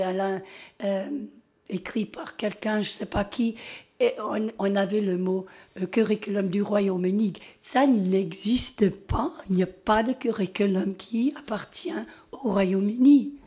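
She has a medium-pitched, mellow voice: an invited guest speaker from Scotland giving a casual presentation in French. Her accent is Scottish, her native tongue English, and her delivery is halting as she often searches for words.

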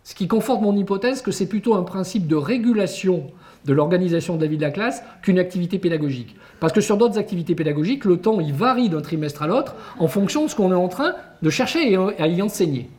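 Animated, mellow-voiced man giving a lecture. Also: sits high, fast. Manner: animated, emphatic, poses rhetorical questions. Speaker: education researcher addressing teachers. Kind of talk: conference lecture.

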